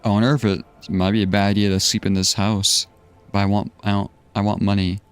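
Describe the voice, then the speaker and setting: A man's voice: lowish voice, flat delivery, fairly quick, smooth. A man streaming a game live, commenting casually in a loose, joking way and swearing freely.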